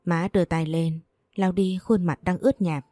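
A woman narrating a first-person story in a gentle, measured way. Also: fairly low pitch, fairly even intonation, dry recording.

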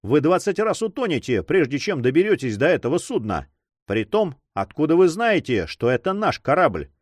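A man's voice: fairly high pitch, big pitch swings, normal speed, no room sound, clean studio sound. A man voicing a cautious older uncle and governor who scolds the young men in a story. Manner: worried, scolding.

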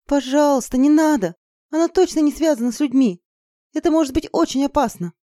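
A woman's voice: high voice, lively intonation, normal speed, mellow, no room sound, studio quality, voice pushed up. A woman voicing an anxious, fearful young sorceress in an audiobook, her lines pleading and panicky.

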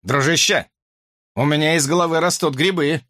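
A man's voice: on the high side, moderate pace, pushed and bright, no echo, clean studio sound. A man reading an audiobook, voicing an agitated, sleep-deprived young man who pleads and erupts in outbursts. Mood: anxious. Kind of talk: audiobook character voice.

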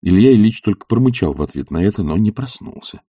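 Low husky guy reading a novel aloud, dry close sound, lots of pitch movement. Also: expressive, fast talker, dark tone, no echo. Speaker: audiobook narrator. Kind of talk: scripted narration.

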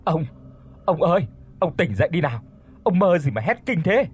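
A man voicing a sharp-tongued middle-aged wife who scolds her husband with rapid demands. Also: mid-range voice, big pitch swings, husky. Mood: scolding.

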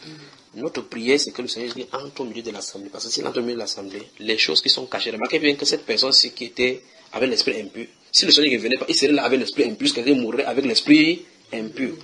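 A man's voice: mid-range voice, fast talker, sharp tone, a little hiss or hum. A man preaching at a house church, reading Bible verses and questioning his listeners in a conversational way.

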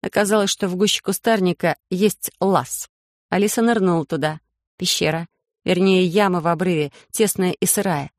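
An audiobook narrator reading a children's adventure story in a steady, measured way. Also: mid-range voice, no room sound, clean studio sound. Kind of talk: scripted narration.

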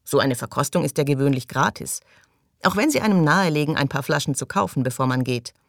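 A woman's voice: low-pitched, expressive, fast talker, no room sound, clean studio sound. A woman reading aloud the inner thoughts of a curious, thrifty man in a storybook, in a musing, matter-of-fact way.

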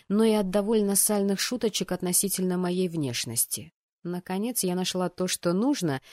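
The recording is dry and close, with no room sound around a woman's slightly low voice. She reads a first-person fantasy novel and gives the boys' jeers and shouts sudden lifts in pitch and loudness. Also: no room sound. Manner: voices the rowdy students' shouts with bursts of pitch and volume. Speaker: audiobook narrator. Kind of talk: first-person fantasy narration with acted dialogue.

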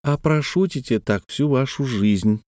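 A proud, reserved young woman, as a male reader puts her on, speaks slowly and with restraint. Her lines come out measured and a little stern. The recording is dry and close. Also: medium pitch, a little mellow, dry recording, lightly acted. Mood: reproachful.

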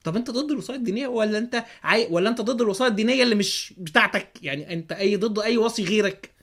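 Man, Egyptian accent, podcast host, rapid speech, sarcastic, keeps asking rhetorical questions. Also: high voice, a bit bright. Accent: Egyptian Arabic. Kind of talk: religious commentary monologue.

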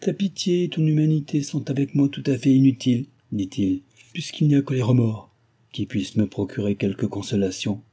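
A man's voice: medium pitch, fairly quick, warm tone, breathy edge, voice pushed up, lightly acted. A man voicing a stern, brooding older man who moralizes severely, read as a character in an audiobook. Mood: grave confession. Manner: severe, reproachful declaiming.

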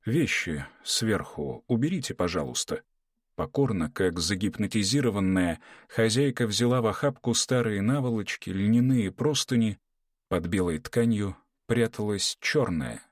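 A man with a lowish voice reads an audiobook in a measured, dramatic manner. The sound is dry and close, with no room around it. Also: no echo. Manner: measured, dramatic reading, voices characters in dialogue. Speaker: audiobook narrator. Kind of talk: scripted narration with character voices.

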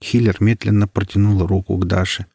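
A man narrating an audiobook in a measured, ominous storytelling manner. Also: fairly low pitch, flat delivery, darkish tone, husky, no echo, studio quality.

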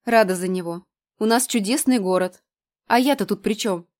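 A woman's voice: mid-range voice, normal speed, natural voice. A woman reading an audiobook who voices a skeptical, sarcastic young woman, close to her own voice. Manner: dry and sarcastic.

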